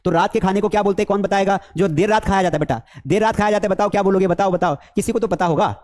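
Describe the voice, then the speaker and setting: A man's voice: sits high, very fast, darkish tone. A man teaching English in a live online class, with a Hindi accent, coaxing students with repeated questions.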